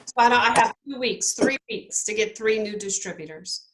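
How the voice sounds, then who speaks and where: A woman's voice: on the high side, moderate pace, slight background noise, low-quality recording. A woman leading a team meeting on a video call, upbeat and coaching, checking in with her listeners often. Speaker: network marketing team leader.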